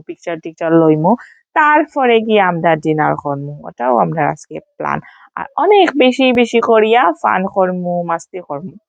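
A woman with a Sylheti Bengali accent chats casually through a vlog voice-over and drops English fillers as she goes. Her voice sits low with a gravelly edge. The sound is dry and dull, with a lo-fi quality. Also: no echo. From Sylhet, Bangladesh. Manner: chatty, sprinkles English fillers. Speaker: vlogger.

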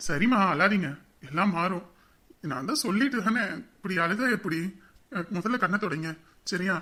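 A man's voice: high-pitched, animated, moderate pace, bright, forceful tone, full character voice. An actor playing a young son working away from home, soothing and reassuring his mother. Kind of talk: Tamil web drama acting.

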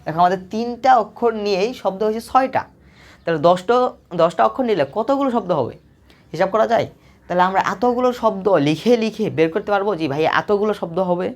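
A woman's voice: medium pitch, fast. A woman teaching math in a recorded video lesson. She explains patiently and repetitively, asking the class questions and then answering them herself in the students' place.

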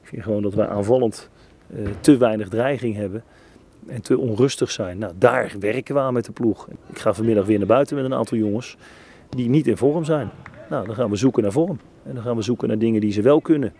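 Husky, dark-voiced football coach. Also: male voice, mid-range voice. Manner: measured, analytical, frank. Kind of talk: post-match interview.

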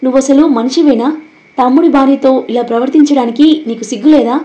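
A woman's voice: high voice, steady tone, brisk, mellow, muffled recording, natural voice. A woman voicing a frightened yet defiant young married woman in a storybook drama, pleading and tearful.

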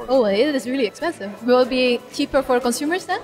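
A woman's voice: high-pitched, lively intonation, fast talker, soft background music. A woman interviewing an exhibitor, asking hesitant, informal questions. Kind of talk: casual interview at an expo.

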